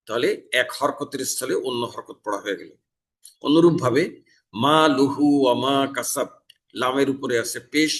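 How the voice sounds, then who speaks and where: Quran teacher explaining recitation rules. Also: male voice, mid-range voice, a bit bright. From Bangladesh. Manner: explains each error, then recites the verse slowly and drawn out. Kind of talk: tajweed lesson with recited examples. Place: mosque in Dhaka.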